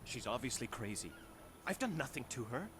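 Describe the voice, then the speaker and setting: A man's voice: mid-range voice, big pitch swings, fairly quick, noisy background, natural voice. An actor playing an anxious, proud young man in a game, talking earnestly about his troubles. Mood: worried. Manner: earnest, worried.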